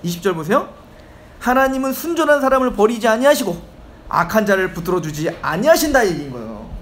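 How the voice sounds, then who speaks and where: A male pastor with a high, fast voice delivers an animated expository sermon in a church sanctuary, alternating between scripture reading and plain-talk impressions of Bible characters. The echoey hall adds a faint ambience.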